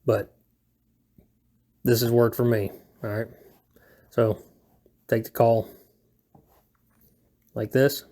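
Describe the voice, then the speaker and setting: With a dark tone and level, mid-range voice, the man talks slowly and leaves long pauses. He's presenting an unscripted hobby how-to indoors at home, rambling casually with a hesitant, self-deprecating, laid-back air.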